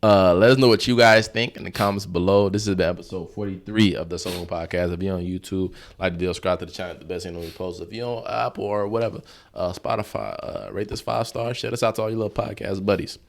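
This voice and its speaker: A man co-hosting a podcast, joking and bantering loosely and reading a quick outro. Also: sits low, creaky. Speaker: podcast co-host. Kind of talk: casual chat.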